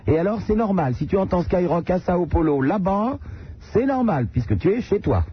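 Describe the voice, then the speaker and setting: A man hosting a late-night radio call-in show, teasing callers with a high, lively voice. His banter is provocative and joking. The sound is slightly dull, as if taken from a broadcast. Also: normal speed, slightly rough, no echo.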